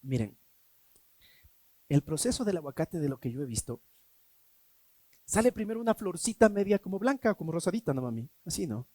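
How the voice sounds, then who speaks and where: A man preaching a sermon as pastor, emphatic, swinging between loud and hushed, asking rhetorical questions. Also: a little high, sing-song, fairly quick, pauses often, no echo. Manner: acts out quoted voices in a mocking tone.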